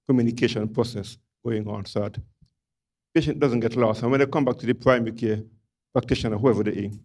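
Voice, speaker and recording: A man's voice: medium pitch, fairly even intonation, quick pace, darkish tone. A man in his sixties with a Nevisian accent, a doctor making a public comment at a forum on a handheld microphone. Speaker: doctor, audience speaker. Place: forum room, among seated audience.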